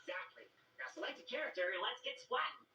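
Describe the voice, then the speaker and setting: A woman's voice: a little high, expressive, quick pace, pushed and bright, slight background noise. A woman playing a smug, taunting boogeyman who runs a game contest theatrically in a scripted comedy skit. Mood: playful, taunting. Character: taunting bony-handed boogeyman, menacing but playful game master. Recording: roomy, dull, distant, faint music.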